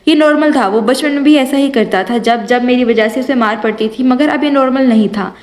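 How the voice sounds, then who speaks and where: A young woman narrating an audio novel with lively first-person storytelling. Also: high voice. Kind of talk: reading an audio novel aloud. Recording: roomy echo.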